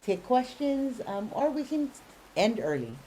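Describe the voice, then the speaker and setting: Mellow-voiced woman hosting a webinar. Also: a little high, very animated, unhurried, slight background noise, low-quality recording. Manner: many fillers, friendly and informative. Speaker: webinar host for grantees. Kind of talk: online webinar presentation.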